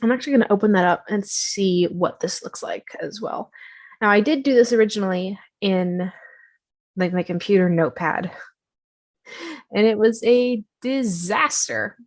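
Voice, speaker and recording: A woman casually walking viewers through a software tutorial on her screen, chatty and self-deprecating, with many fillers. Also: mid-range voice, normal speed.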